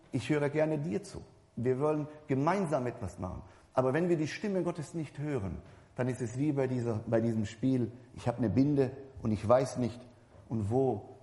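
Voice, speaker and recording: Male preacher, warm low-key timbre, loose and chatty sermon delivery, long church-hall reverb. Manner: conversational, addresses the congregation directly, repeats and corrects himself.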